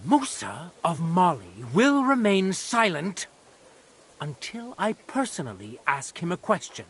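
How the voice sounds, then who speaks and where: A man's voice: high-pitched, huge pitch swings, unhurried, husky, heavily acted. A haughty, commanding nobleman. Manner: commanding, scornful. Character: stern haughty nobleman judging a camp murder. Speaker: lord presiding over a trial. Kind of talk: video game dialogue.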